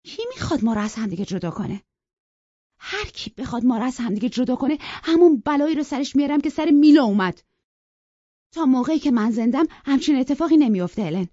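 A woman's voice: fairly high pitch, long pauses, dark tone, slightly rough, no room sound, voice pushed up. A woman voicing a passionate, headstrong young woman in love, talking in an impassioned, pleading and defiant way. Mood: fierce. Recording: dry, dull lo-fi recording.

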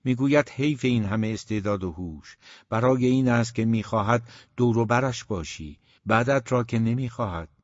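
A man's voice: medium pitch, no room sound, lo-fi sound, lightly acted. A man reading the part of a worried mother who speaks in a soothing, pleading way. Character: worried, gentle middle-aged mother.

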